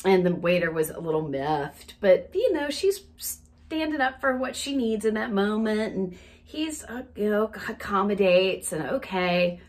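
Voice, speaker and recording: A woman's voice: mid-range voice, expressive, a little slow, a little mellow. A woman telling funny personal stories in a casual monologue, laughing often as she talks. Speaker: wellness storyteller.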